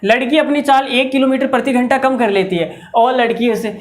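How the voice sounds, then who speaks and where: A man's voice: very high-pitched, steady tone, moderate pace. A man teaching a maths problem, who explains it through jokes and directly addresses his students. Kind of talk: comic storytelling lesson.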